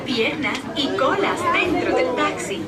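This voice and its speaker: Woman safety announcer, crisp and formal, on a far-off loudspeaker, crowd noise around. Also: sits high, animated, normal speed. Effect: outdoor loudspeaker. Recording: echoey loudspeaker heard from afar. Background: loud crowd.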